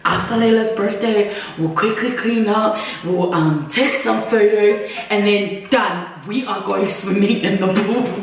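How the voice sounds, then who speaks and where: A woman's voice: medium pitch, takes it slowly. A young woman co-hosting a vlog, telling stories in casual chat while eating, laughing often. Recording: echoey room, mic at a distance.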